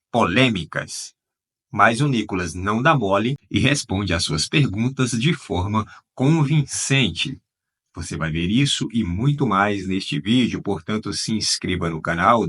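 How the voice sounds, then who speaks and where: A man's voice: lowish voice, fairly bright tone, breathy edge. A man narrating a promotional video intro and asking viewers to subscribe. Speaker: channel narrator.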